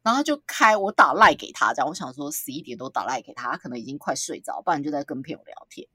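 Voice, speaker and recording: A woman telling a long, animated story on a podcast, acting out what people said and often laughing. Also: deep voice, quick pace, slightly rough, no echo, clean studio sound. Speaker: podcast co-host. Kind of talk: casual storytelling chat.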